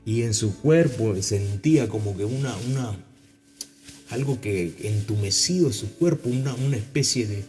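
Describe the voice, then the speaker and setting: A man's voice: fairly low pitch, normal speed, soft background music. A man with a Peruvian accent preaching a sermon, telling stories and acting out the voices of the people in them. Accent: Peruvian Spanish. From Peru. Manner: animated storytelling, acting out voices. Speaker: pastor.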